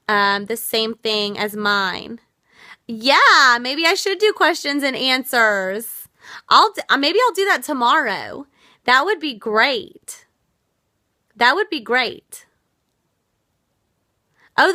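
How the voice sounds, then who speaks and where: An American woman hosts a casual livestream, answering viewer comments in an earnest, reflective way while losing her voice, which sounds worn out. Her pitch is fairly high and her delivery pushed and bright. The recording is dry and studio quality.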